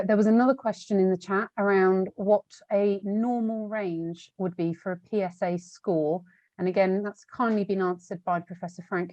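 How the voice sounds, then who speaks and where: A woman's voice: medium pitch, a little mellow, dry recording. Woman speaking over a dull online call. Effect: online call audio. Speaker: webinar co-host reading chat questions. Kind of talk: clear summary of chat questions. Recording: dull lo-fi call line, dry.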